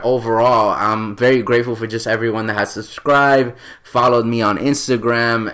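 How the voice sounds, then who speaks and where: A man's voice: medium pitch, a bit bright. A man in his late twenties from New York, hosting a podcast in a casual, earnest, rambling way with many fillers. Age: 20s. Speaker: podcast host.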